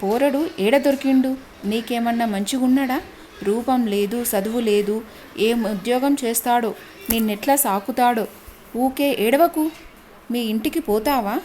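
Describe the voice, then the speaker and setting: Woman doing a gentle housewife. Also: fairly high pitch, a little slow, slight background noise, lightly acted. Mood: coaxing. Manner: soft, coaxing. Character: kindly middle-aged village housewife.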